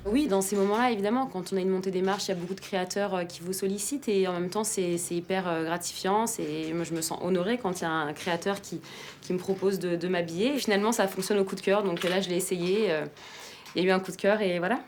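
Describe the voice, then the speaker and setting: A woman's voice: on the low side, fast talker, a little hiss or hum. A woman, a singer, chatting in a casual interview, enthusiastic and talkative. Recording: loud music behind the voice.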